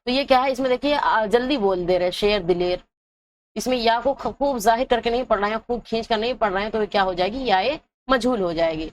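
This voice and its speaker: A woman's voice: fairly high pitch, hardly any pauses. A woman teaching an Urdu exam-prep lesson, asking her own questions and answering them, dragging out example words to show how they sound. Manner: drags out example words to show their pronunciation.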